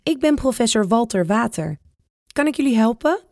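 A woman's voice: fairly high pitch, lively intonation, moderate pace, a little mellow, dry recording, studio quality, pitched above the performer's own voice. A woman doing an eager lecturing professor. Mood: explaining. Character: enthusiastic male professor explaining water.

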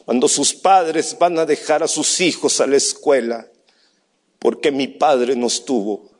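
A man preaching a sermon as a pastor, telling a story in a hushed voice and then shouting his appeals to the church. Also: mid-range voice, measured pace.

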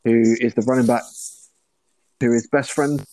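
A man talks in a casual sports chat over an online call, in halting fragments. His voice is mellow and low-key, recorded close and dry. The line keeps glitching, so his words break up and drop out. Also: fairly even intonation, no room sound, poor audio. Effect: glitching audio, voice breaking up on an online call. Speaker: podcast host.

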